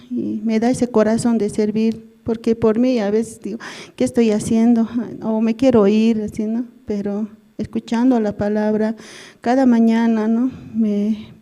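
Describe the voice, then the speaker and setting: A woman's voice: on the high side, mellow. A middle-aged woman giving a rambling personal testimony at a prayer service, ending nearly every phrase with a questioning tag. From Bolivia. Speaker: church member giving testimony.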